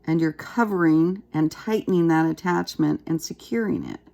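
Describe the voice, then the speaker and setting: Gravelly-voiced woman teaching a craft. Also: sits low, normal speed. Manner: chatty, relaxed, talks while working with her hands. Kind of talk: casual craft tutorial.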